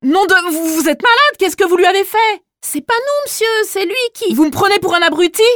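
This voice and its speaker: A woman reading a protective middle-aged male teacher who yells in fury at some moments and soothes softly at others, in an audiobook. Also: medium pitch, fairly even intonation, normal speed, no room sound, clean studio sound, natural voice. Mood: furious. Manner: furious yelling, then gentle and soothing.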